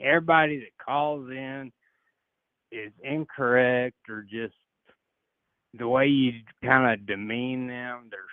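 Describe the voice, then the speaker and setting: A man's voice: mid-range voice, dry recording. A man calling in to a live politics show, insistent and aggravated, pressing to finish his statement. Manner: insistent, keeps pushing to finish his point. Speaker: caller. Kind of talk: heated call-in argument. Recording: tinny phone line.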